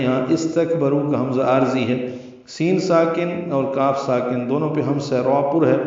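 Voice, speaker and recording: A man teaching Quran recitation rules in a tajweed lesson, slowly and deliberately spelling out letter sounds. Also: mid-range voice, darkish tone. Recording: very echoey, distant, dull lo-fi.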